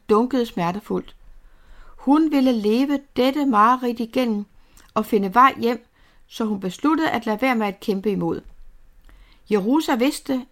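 Woman narrating a dramatic novel. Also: on the high side. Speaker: audiobook narrator.

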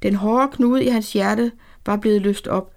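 A woman narrating a story aloud in a calm, measured way. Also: mid-range voice, gravelly. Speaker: audiobook narrator. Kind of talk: scripted narration.

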